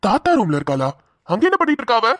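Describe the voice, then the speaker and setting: A woman's voice: fairly high pitch, wildly swooping pitch, fast talker, dry recording, studio quality, voice pushed down. A woman voicing a worried young father who fusses over a crying baby and frets about where his wife has gone. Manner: anxious, fussing, searching for his wife.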